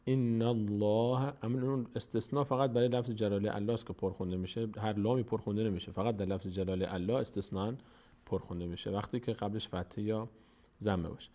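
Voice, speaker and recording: A man teaching Quran recitation step by step, patiently repeating words slowly and drawn out, then explaining the rules quickly. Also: on the low side, steady tone, mellow. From Tajikistan.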